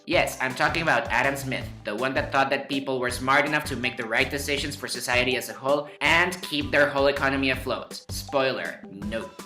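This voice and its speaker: A man's voice: mid-range voice, sharp tone. A man narrating a scripted history lesson as host, with playful, wry asides and words stretched for emphasis. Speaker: host of a history explainer show. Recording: roomy echo, faint music behind.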